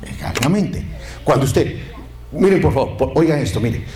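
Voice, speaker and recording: A man's voice: medium pitch, moderate pace, roomy sound, faint music behind. A man preaching a sermon, calling on the congregation for amens. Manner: lively, calls to the congregation for amens. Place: church.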